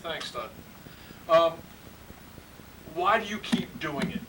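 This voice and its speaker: A man's voice: a little high, animated, slow pace. A man playing an earnest, bumbling anchor in a spoof newscast, stammering through his questions. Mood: earnest, halting. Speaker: news anchor. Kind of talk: parody news anchor, amateur spoof newscast. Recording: distant mic, clear background noise, clicks.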